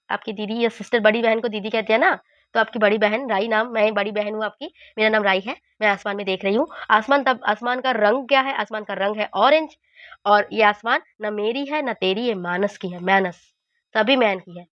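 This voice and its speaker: A woman's voice: medium pitch, fairly even intonation, normal speed, no echo, muffled recording. A woman teaching a lesson, patiently explaining memory tricks and repeating key points. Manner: patient, repetitive, coaching.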